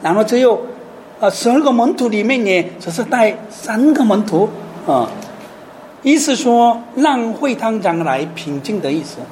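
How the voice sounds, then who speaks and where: A woman's voice: fairly high pitch, animated, normal speed, darkish tone, a little hiss or hum. A woman preacher giving a sermon who keeps asking rhetorical questions and drops English words into her talk.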